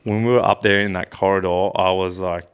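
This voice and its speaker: A man's voice: deep voice, fairly even intonation, fairly quick, clean tone. A man co-hosting a podcast, telling a story in casual chat with lots of fillers and restarts. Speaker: podcast co-host.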